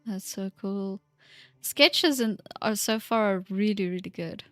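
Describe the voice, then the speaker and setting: A woman's voice: medium pitch, takes it slowly, a bit bright, dry recording, faint music behind. A woman streaming a game in casual, chatty commentary, talking to herself, giggling and trailing off mid-thought.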